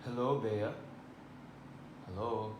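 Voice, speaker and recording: A man's voice: on the low side, steady tone, slow pace, a little mellow, reverberant, slight background noise, low-quality recording. A man playing a young caller on a choppy call with a breaking-up signal, repeating himself over the bad line in a school skit. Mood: confused. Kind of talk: school skit in a lesson video.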